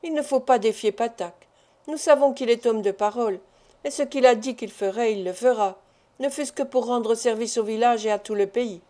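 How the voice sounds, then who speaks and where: A woman's voice: on the high side, moderate pace, mellow, close to an everyday voice. A woman voicing a firm, insistent older male village headman in a storybook reading. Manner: insistent, categorical.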